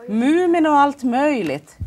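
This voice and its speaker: A woman's voice: high-pitched, sing-song, a little mellow. A woman with a Finland Swedish accent hosting a children's TV show, coaxing the kids with cheerful, sing-song questions. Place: local TV studio.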